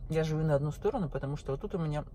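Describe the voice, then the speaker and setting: A woman chats while chewing and talks through a full mouth, letting out contented hums between bites. Her voice is mellow and warm. Faint noise sits under the recording. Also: low voice, very fast. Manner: savoring, murmuring "mm" between bites. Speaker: mukbang vlogger. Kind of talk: casual chat while eating.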